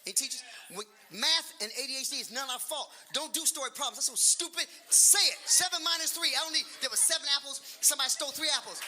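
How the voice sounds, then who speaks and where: A man in his late fifties doing stand-up comedy, loud and animated, repeating his punchlines and talking to the crowd. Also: extremely high pitch, fast, few pauses. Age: 50s. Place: comedy stage with a laughing audience. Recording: live show audio with audience noise.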